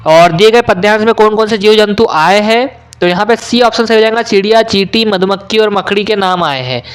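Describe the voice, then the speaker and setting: High-voiced man solving an exam paper. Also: smooth. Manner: explains step by step, often pausing with "uh". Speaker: teacher. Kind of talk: exam solution walkthrough.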